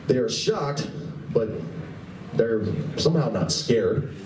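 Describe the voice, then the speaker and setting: Speaking slowly with lively intonation in a mid-range voice, a man narrates the scripted stage directions of a live radio play. The recording, made in a convention performance room, is echoey, faintly noisy and picked up by a distant mic.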